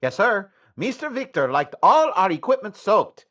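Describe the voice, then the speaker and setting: Sitting high in pitch with a fairly bright tone, this male voice is very animated at a moderate pace, though the audio is dull. He's an actor voicing a sassy hairstylist suspect, cheeky and sarcastic, under detective questioning in a comedic radio drama.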